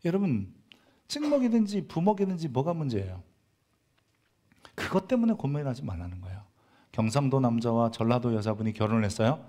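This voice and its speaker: A man preaching a church sermon. He moves between loud, emphatic passages and quiet, hushed asides, and mixes in humorous everyday stories. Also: mid-range voice, very animated, fairly quick, pauses often. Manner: tells humorous everyday anecdotes. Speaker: pastor.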